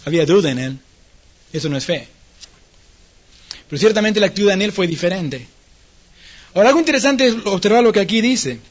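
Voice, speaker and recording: A man pastor preaching a sermon, animated, acting out the people he quotes and laughing now and then. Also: high-pitched, a little fast, pauses often, muffled recording.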